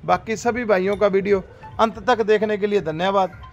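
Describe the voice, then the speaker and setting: Farm host, high-pitched male voice, upbeat salesman patter in an outdoor cattle yard on a phone mic. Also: fairly even intonation, normal speed, gravelly, highs cut off, faint music behind. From Rajasthan, India. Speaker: dairy farm host selling livestock. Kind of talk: casual livestock sales pitch.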